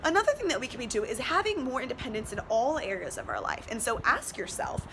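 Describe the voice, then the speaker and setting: A woman with a fairly high voice speaks quickly and earnestly to her viewers, vlogging outdoors on a boat. She leans on emphatic points and rhetorical questions like a motivational coach. Clear ambient noise sits behind her selfie recording. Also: wildly swooping pitch, a bit bright. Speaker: vlogger giving relationship advice. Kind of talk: direct-to-viewer motivational vlog talk. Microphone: handheld selfie camera at arm's length.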